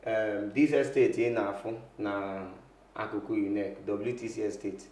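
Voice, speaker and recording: Man, Igbo Nigerian accent, lowish voice, code-switching with English, conversational explainer, roomy echo. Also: fairly even intonation, normal speed, darkish tone. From south-eastern Nigeria. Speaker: interview guest, real estate lawyer. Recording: echoey room.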